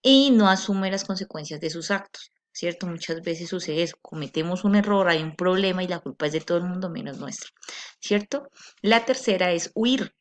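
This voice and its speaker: Patient woman teacher with a low voice. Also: normal speed. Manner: checks in with frequent tag questions; patient, explanatory. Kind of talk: recorded online class lecture.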